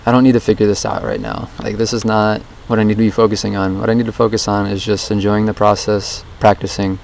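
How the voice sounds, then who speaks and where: Flat-toned man on an outdoor dictaphone recording. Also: on the low side, fast, gravelly. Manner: rambling, introspective. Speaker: vlogger recording a daily challenge diary. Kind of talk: casual spoken audio diary, dictaphone recording. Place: outdoors under a bridge. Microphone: handheld voice recorder. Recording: outdoor voice recorder with background noise.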